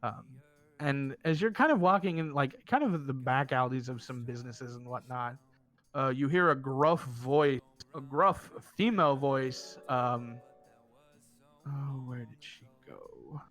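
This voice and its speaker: A man speaking as game master, narrating and giving instructions in a halting, informal way with casual swearing. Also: medium pitch, lively intonation, fairly bright tone. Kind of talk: narrating and running a tabletop game. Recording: music behind the voice. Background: music.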